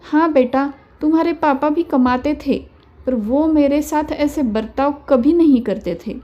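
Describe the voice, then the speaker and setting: A woman voicing an older mother-in-law who speaks gently and firmly, giving measured advice in an audio story. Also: high voice, lo-fi sound. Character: older mother-in-law, calm, wise, quietly firm.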